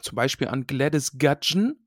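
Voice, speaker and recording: A man's voice: medium pitch, expressive, moderate pace, fairly bright tone, dry recording, studio quality. A man co-hosting a casual podcast, chattily retelling a book chapter with playful voiced quotes. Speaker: podcast co-host.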